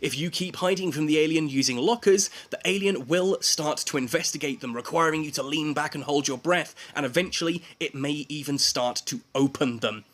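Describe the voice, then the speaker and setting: A man's voice: a little high, brisk, few pauses, a bit bright. A man narrating a scripted video game review, with emphatic, dramatic phrasing.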